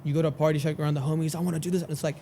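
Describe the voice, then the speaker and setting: A young man talks very quickly in a somewhat high voice as a podcast guest. His chat is casual, emphatic and sweary, full of bro, over clear background noise. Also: flat delivery, mellow. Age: young adult. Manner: emphatic bro-heavy talk with frequent swearing.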